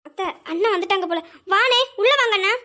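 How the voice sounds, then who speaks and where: A woman's voice: very high-pitched, fast talker, pushed and bright. A woman voicing an earnest young daughter-in-law who pleads politely in an amateur audio drama. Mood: pleading.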